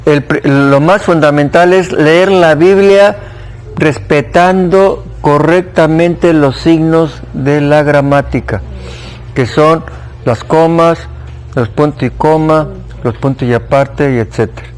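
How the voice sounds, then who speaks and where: A man with a Mexican Spanish accent and a smooth, slightly high voice speaks slowly while teaching a church Bible class. He keeps it conversational, asking the class questions and repeating key points.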